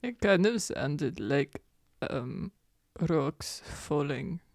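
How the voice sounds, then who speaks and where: A woman playing a smug, haughty elemental being in a tabletop game, deadpan and self-satisfied. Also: sits low, extremely slow, no echo, studio quality, full character voice. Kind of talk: tabletop role-play in character.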